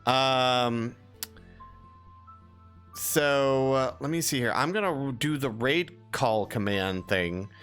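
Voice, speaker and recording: A man hosting a tabletop stream as game master, chatting loosely and joking. His voice sits at an ordinary middle pitch. Faint music plays underneath. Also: slow pace, pauses often, a bit bright, clear, resonant tone. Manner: rambling, filler-heavy, joking. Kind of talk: casual chat wrapping up a stream.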